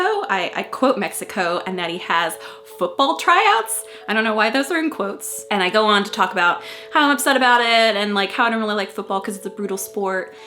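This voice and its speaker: A young vlogger with a medium-pitched voice reads aloud from an old diary and chats about it. She's casual, animated and giggly, poking fun at herself.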